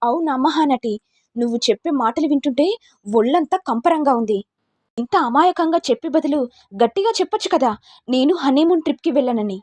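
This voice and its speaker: A woman's voice: high voice, lively intonation, a little fast, darkish tone, no room sound. A woman voicing an angry, frustrated young husband in a story, mocking his wife with harsh rebukes.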